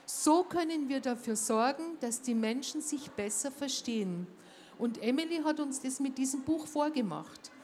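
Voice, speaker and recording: Female host, higher voice, urging and addressing the audience directly, faint noise behind. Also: animated, normal speed, a little mellow. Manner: emphatic, appealing directly to listeners. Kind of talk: enthusiastic spoken address.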